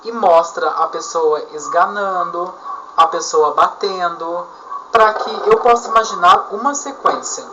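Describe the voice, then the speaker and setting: A woman's voice: fairly low pitch, unhurried, noisy background. A woman with a Brazilian Portuguese accent, teaching a lesson on argumentation and working through examples step by step. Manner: explanatory, uses step-by-step examples. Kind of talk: recorded lecture on argumentation. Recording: dull lo-fi recording with faint ambience.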